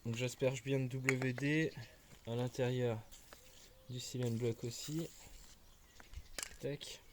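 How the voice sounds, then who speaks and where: Laid-back man walking viewers through a car repair, informal, average pitch, faint outdoor noise. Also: steady tone, slow. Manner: informal, slangy, addresses viewer as "tu". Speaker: car mechanic tutorial host. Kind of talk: casual how-to explanation.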